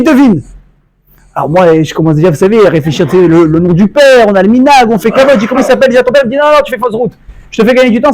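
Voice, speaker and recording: A man's voice: sits high, poor audio. A man, a rabbi, giving a Torah lecture to a congregation, telling stories and acting out dialogue. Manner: animated storytelling, acts out dialogue.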